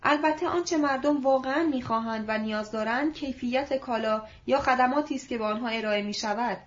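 Calm, assured older male manager, read by a woman with a fairly high voice; dull lo-fi audiobook sound. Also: close to an everyday voice. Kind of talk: audiobook reading. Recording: dull lo-fi recording.

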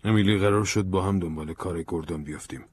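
A man playing an earnest, persistent investigator who presses and persuades, in a low, husky voice. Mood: urgent. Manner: insistent, persuasive. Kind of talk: audiobook drama reading.

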